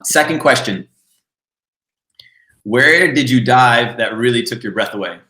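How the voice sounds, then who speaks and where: Male interview host, casual and talkative, bright tone, roomy echoey sound. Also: mid-range voice, unhurried. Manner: relaxed, chatty, frequent "mm-hmm" backchannels. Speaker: podcast host.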